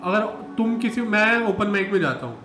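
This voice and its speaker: A man who is a stand-up comedian, explaining things in a relaxed, matter-of-fact way in a casual podcast chat. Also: high-pitched, moderate pace, faint music behind. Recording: echoey room.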